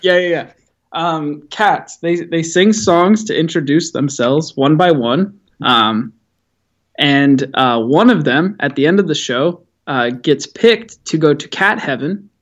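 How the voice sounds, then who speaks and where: A man's voice: on the high side, animated, slow pace. Giggly male guest with dull lo-fi sound. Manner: laughs often, many ums and restarts. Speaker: podcast guest. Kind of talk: casual chat.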